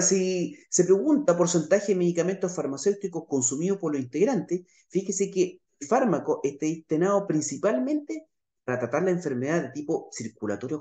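A man's voice: on the high side, a little mellow. A middle-aged Chilean man giving an online talk over slides as a naturopath, explaining step by step and checking in with his listeners. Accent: Chilean Spanish. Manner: gestures with his hands while talking. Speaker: naturopath lecturer. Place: small indoor room, plain wall behind. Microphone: webcam on a video call. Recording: echoey room on a webcam.

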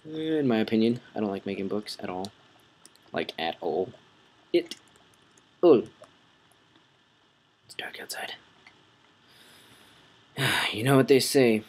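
A man's voice: on the low side, expressive, a little slow, pauses often. A young man hosting a gaming channel, rambling and correcting himself as he comments on his play and talks to viewers.

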